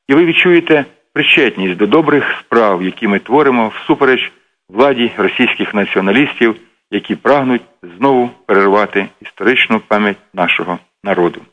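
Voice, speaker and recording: A man's voice: medium pitch, fairly bright tone. Earnest man reading on lo-fi radio. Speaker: radio program host. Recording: dull lo-fi radio recording.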